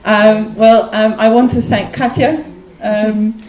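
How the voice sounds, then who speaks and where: A woman from Bosnia, an artist on a panel, speaks hesitantly in a mid-range, level, slightly mellow voice at a slow pace. Her talk is plain and personal with many ums, recorded in a roomy gallery with faint noise.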